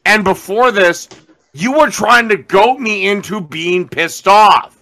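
A man in his forties argues back in a sharp, bright, somewhat high voice. He is defensive and combative, tripping over restarts as he pushes his point. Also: slow. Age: 40s. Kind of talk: heated call argument.

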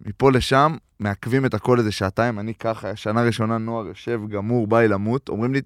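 Relaxed man co-hosting, dry sound. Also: on the low side, clear, resonant tone, dry recording. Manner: relaxed, joking banter. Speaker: podcast co-host, former basketball player. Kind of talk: casual chat. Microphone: studio mic.

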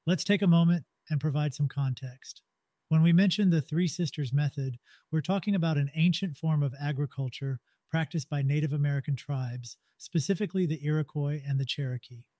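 Male podcast host, warm mellow tone, dry close sound, earnest scripted read. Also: a little high, a little fast, dry recording. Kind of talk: scripted narration.

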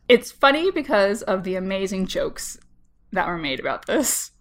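A woman co-hosting a podcast in casual chat, with vocal fry, a slight cold and a giggly, halting, informal manner. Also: mid-range voice, big pitch swings. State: has a slight head cold. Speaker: podcast co-host.

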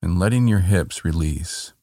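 A man guiding a body-scan relaxation in a calm, meditative tone, gently giving short soothing instructions. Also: low-pitched, a little slow, dry recording. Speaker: meditation guide.

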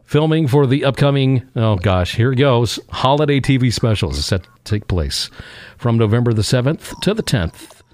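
A man's voice: medium pitch, animated, moderate pace, darkish tone, no room sound. A man hosting a casual podcast, chatting and reading out news items with easy laughs. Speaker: podcast host.

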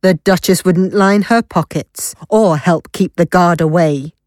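A man's voice: high-pitched, measured pace, dry recording, studio quality, voice pushed up. A man voicing Aleda, a stern young woman bounty hunter, with venom in her words. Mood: venomous. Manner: venomous, cutting. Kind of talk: audio drama reading.

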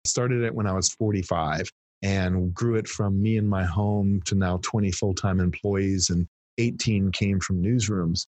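A lively, husky man in his fifties spins an anecdote for an interview host, his low voice a little breathy and recorded close and dry. He restarts phrases and doubles up his words as the story builds. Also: a little slow, no room sound. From Texas, US. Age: 50s. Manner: animated storyteller, repeats words when starting phrases. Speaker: guest, PR firm founder.

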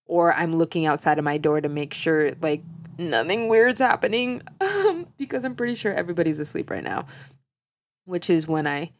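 A young adult woman hosting her own podcast from home at night, ranting in a blunt, profane, sarcastic way. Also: low voice. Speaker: podcast host. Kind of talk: casual ranting monologue.

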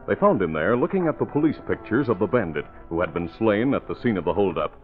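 A man's voice: fairly low pitch, big pitch swings, quick pace, faint music behind. A man giving scripted narration for an old-time radio drama. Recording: old radio broadcast, thin narrow band.

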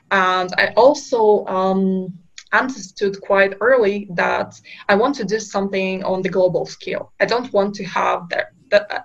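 A woman's voice: mid-range voice, lo-fi sound. A woman from Kazakhstan, a startup co-founder, answering interview questions with many fillers and restarts.

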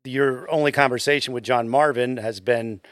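A man's voice: mid-range voice, normal speed, no echo. Man hosting a podcast, dry sound. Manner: reads listener comments aloud, defensive but even. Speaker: podcast host. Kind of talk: casual podcast chat.

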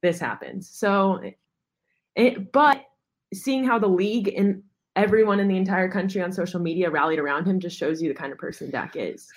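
A woman's voice: lowish voice, moderate pace. A woman guest on a sports podcast, talking earnestly and at length, with many "like"s. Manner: earnest, talkative, frequent "like". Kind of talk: casual sports chat.

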